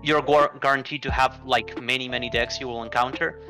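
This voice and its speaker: Speaking fairly quickly at a medium pitch, this man from Argentina, a card game player appearing as an interview guest, keeps his casual chat relaxed despite frequent restarts and plenty of "likes" and "rights." His voice is bright and forceful with fairly even intonation, over soft background music.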